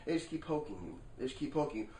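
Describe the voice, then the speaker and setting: A man talking to the camera in a casual vlog monologue, animated and rhetorical, swearing freely and checking in with the viewer. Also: on the high side, rapid-fire. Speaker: vlogger. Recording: echoey room, far from the mic.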